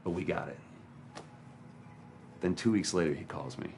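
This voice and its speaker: A man's voice: low voice, normal speed, creaky, a little mellow, slight background noise. A male actor in an interview, candidly and reflectively recounting a hard experience. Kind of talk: interview storytelling.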